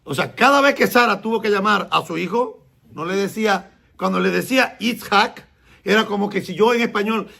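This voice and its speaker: A man's voice: high voice, gravelly, pushed and bright. A man, a messianic rabbi, teaching a sermon and questioning the congregation as he explains. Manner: explains slowly and repeats words, asks the congregation questions.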